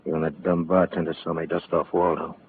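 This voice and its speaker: An actor playing a cold-blooded male gangster in a 1940s radio drama, quiet, sneering and menacing. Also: low-pitched, flat delivery, fairly quick, breathy edge, exaggerated voice. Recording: tinny old radio broadcast.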